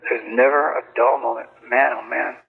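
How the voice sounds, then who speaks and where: A man's voice: mid-range voice, flat delivery, moderate pace, creaky, husky. A man talking in a rambling, boastful way to his son, heard on a poor old cassette tape of a phone call. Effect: poor-quality old cassette tape of a phone call. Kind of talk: casual phone chat.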